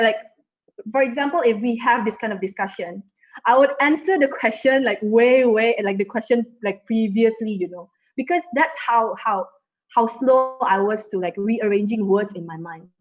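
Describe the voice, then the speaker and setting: With a voice on the high side and a moderate pace, a young Indonesian woman talks chattily as a panelist in a casual discussion over a video call. Indonesian is her first language, she says "you know" a lot, and the audio is a bit muffled.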